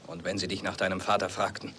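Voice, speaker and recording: Male actor as a deep, solemn brother figure, noisy old soundtrack. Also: little pitch movement, lightly acted. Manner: solemn, measured. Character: Native man, grave brother of the hero. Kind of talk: film dub acting.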